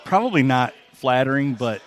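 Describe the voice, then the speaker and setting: A man co-hosts a podcast and tells stories with wry, dry humor. His pitch is about average for a man. He talks in an easy, conversational way. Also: expressive, normal speed. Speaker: podcast co-host. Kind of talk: casual comedic chat.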